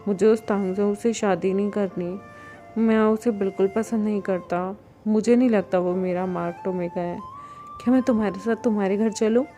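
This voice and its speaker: A woman's voice: mid-range voice, steady tone, normal speed, warm tone, faint music behind, close to an everyday voice. A woman voicing a clingy, jealous young man who pleads and sulks. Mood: pleading.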